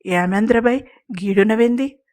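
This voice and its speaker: A woman's voice: on the high side, moderate pace, darkish tone, lightly acted. Lady playing a mean gang boss, curt threats. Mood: menacing. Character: harsh male gang boss, menacing.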